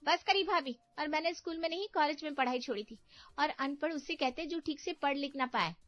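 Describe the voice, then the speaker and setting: A woman's voice: high voice, fairly quick, a bit bright, no echo. A woman playing a sarcastic young unmarried sister-in-law who mocks her brother's wife. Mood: taunting. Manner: sarcastic, mocking. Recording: dry, muffled, faint background music.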